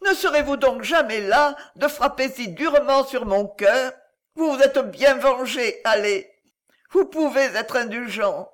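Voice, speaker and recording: A man's voice: very high voice, a little slow, fairly bright tone, pitched above the performer's own voice. A man voicing a proud young wife who pleads with her husband in an impassioned, tearful way. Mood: pleading.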